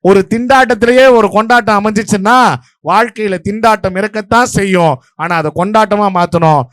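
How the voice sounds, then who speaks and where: High-voiced man giving a rapid stage verdict. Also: fairly bright tone, no room sound, clean studio sound. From Vellore district, Tamil Nadu, India. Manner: rapid, story-driven, playful. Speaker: debate judge giving the verdict. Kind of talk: humorous stage speech to a live audience.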